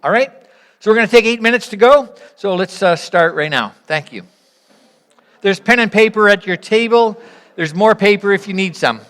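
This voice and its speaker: A church leader with a mid-range, fairly bright voice speaks at normal speed with lively intonation, giving a congregation instructions and reflection. His tone is encouraging, inviting and explanatory. The church gathering is in a large room, and the sound is reverberant.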